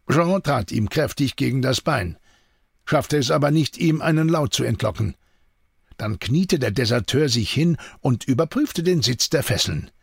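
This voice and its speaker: Gravelly, expressive male audiobook narrator. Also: mid-range voice, no echo, studio quality. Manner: expressive storytelling. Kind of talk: scripted narration.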